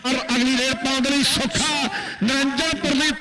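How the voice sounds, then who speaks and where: A man's voice: very high voice, fairly even intonation, moderate pace. A man with a Punjabi accent doing live commentary and public announcements at a kabaddi match. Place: outdoor kabaddi tournament ground. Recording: echoing outdoor PA system.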